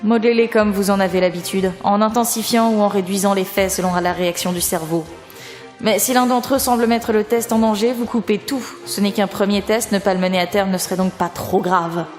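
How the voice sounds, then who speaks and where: A woman with a medium-pitched, darkish, natural voice speaks a little fast as a stern, foul-mouthed government lab director in an audio drama. She's curt and commanding, with an authoritative, businesslike mood. Music plays underneath, and the recording carries a long hall reverb.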